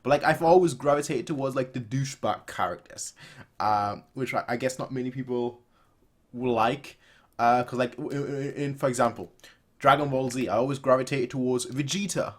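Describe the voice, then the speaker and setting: In a small indoor bedroom, a man in his twenties hosts a reaction video, speaking at medium pitch and normal speed. His commentary is casual and chatty, often rambling and repeating phrases.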